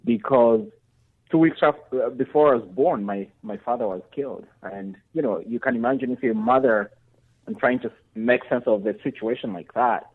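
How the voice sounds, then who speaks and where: Man with a gravelly voice on a phone line. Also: mid-range voice, moderate pace. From Uganda. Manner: earnest, with many fillers and restarts. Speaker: guest. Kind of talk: casual interview answers.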